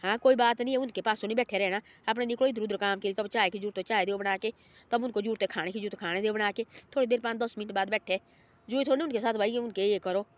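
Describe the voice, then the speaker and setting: A woman's voice: mid-range voice, fairly even intonation, fast talker. Lady telling a moral tale, rambly, repeats herself a lot, acts out the people in it. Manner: rambling and repetitive, voices the people in her story. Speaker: storyteller. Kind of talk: informal moral storytelling.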